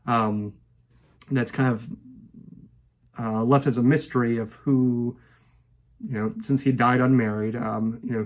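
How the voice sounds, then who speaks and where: Man, casual film talk, rambling, hesitant, mid-pitched voice, at home. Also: a little mellow. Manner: rambling, hesitant, full of fillers and restarts. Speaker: host. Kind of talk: casual talk about favorite films.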